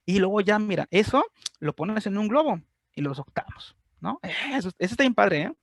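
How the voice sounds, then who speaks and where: A man with a Mexican Spanish accent teaches an informal class, talking in a chatty way and checking in with his listeners every few phrases. His voice sits a little high for a man. The recording is dry and close, with no room echo. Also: expressive, normal speed, creaky. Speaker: teacher giving a class on grief. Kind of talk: informal online class talk.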